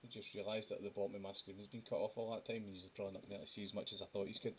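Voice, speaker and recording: A man hosting a live drawing stream, talking in a relaxed, rambling way to his viewers. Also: lowish voice, racing. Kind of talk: casual chat.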